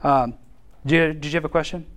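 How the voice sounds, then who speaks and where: A man teaching a Bible class in an informal, animated way, acting out quotes and laughing often. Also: fairly high pitch, quick pace.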